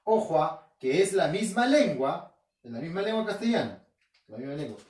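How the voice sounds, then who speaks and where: A male teacher with a Peruvian Arequipa accent talks high and swings his pitch widely. He keeps posing questions to himself and hammering home key terms. The sound is roomy and echoey, with his voice coming from well away from the mic. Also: big pitch swings, moderate pace, a little mellow. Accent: Peruvian Spanish, Arequipa. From Peru. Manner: asks himself questions and answers them, repeats key terms, checks in with "¿ya?". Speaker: school language teacher. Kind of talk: recorded home-learning class. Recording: roomy echo, voice from far off the mic.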